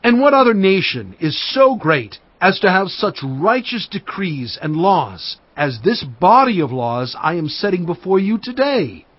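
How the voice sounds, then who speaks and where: An actor playing Moses, a solemn, fervent prophet exhorting his people in grave, measured, emphatic oratory for a dramatized scripture recording. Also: sits high, very animated, no room sound, highs cut off, full character voice. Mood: solemn warning. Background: cinematic music.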